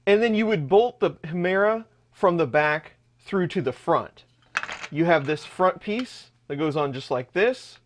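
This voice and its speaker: A man's voice: high-pitched, expressive, unhurried, slight background noise. A man in his thirties hosting a hands-on 3D printer build vlog in his home workshop, explaining parts as he shows them. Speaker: channel host.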